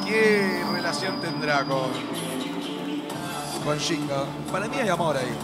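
A man's voice: fairly high pitch, lively intonation, measured pace, over loud music. A man with an Argentine accent presenting fighters and adding colour commentary at a wrestling show. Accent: Argentine Spanish.

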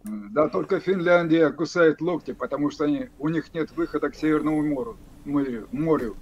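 A man's voice: a little high, brisk, darkish tone, slightly rough. An older man in an argumentative chat, often repeating his words, over a muffled internet video call. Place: indoor room with bookshelves. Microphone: computer webcam call.

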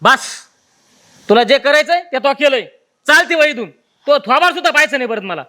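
An actor playing a betrayed rustic husband, speaking in an accusing, scornful way. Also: male voice, extremely high pitch, expressive, brisk, pushed and bright, heavily acted. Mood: angry.

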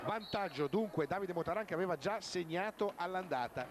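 A man giving live match commentary as a sports commentator, excited and drawing out words at goals. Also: high-pitched, brisk. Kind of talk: live goal commentary on an Italian roller hockey match. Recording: very noisy sports hall TV broadcast.

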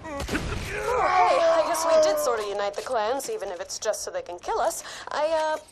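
A wry wedding mediator talks in a self-mocking, lively way. Her voice sits a little high and bounces around in pitch. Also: normal speed, a little hiss or hum. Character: wry peace-seeking wedding mediator woman.

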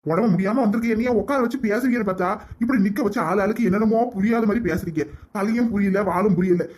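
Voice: mid-range voice, fast, darkish tone, natural voice. A performer voicing an injured, baffled grown son in a cartoon comedy, complaining in a Kanyakumari Tamil accent. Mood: exasperated. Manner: exasperated, complaining.

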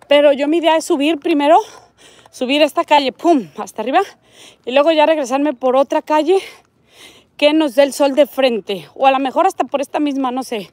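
A woman's voice: sits high, darkish tone, no room sound. Chatty Mexican woman vlogging outdoors. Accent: Mexican Spanish. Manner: chatty, reads viewer comments aloud, points things out. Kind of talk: casual live-stream walking vlog. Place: outdoors on a residential desert street.

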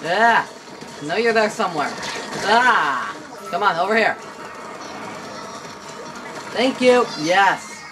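Excitable guy over game music. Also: high voice, slow, pauses often. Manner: excitable, rambling, laughs often. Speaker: gaming channel host. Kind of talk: casual gameplay commentary. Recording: game music playing under the voice. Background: video game music.

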